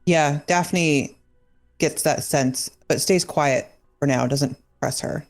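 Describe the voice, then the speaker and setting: A woman's voice: sits low, takes it slowly, soft background music. A woman player in a tabletop horror game, speaking firmly and steadily in character and narrating her agent's actions.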